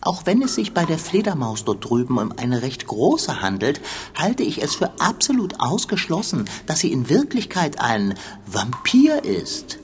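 A woman's voice: sits low, very animated, measured pace, hardly any pauses, slight background noise. A woman voicing a small, pompous know-it-all male creature in a children's audio drama, speaking in a prim, formal, lecturing way. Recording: music playing underneath.

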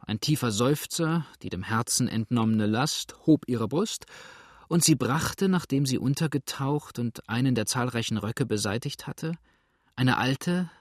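A man narrating an audiobook in a measured storytelling manner. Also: mid-range voice, dry recording, clean studio sound. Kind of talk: scripted narration.

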